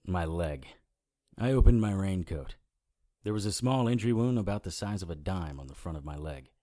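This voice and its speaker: A hardboiled detective from an audio drama, wry and deadpan even when things get bloody. He narrates in a lowish voice with dry humor. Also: moderate pace. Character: dry-witted male private investigator narrator. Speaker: narrator and lead character.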